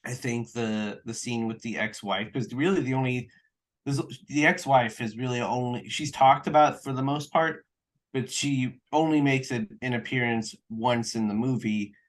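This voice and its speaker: A young man co-hosting a podcast, discussing a film in a measured, casual way with "um" pauses. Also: mid-range voice. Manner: brief agreeing interjections, then measured with "um" pauses. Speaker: podcast co-host.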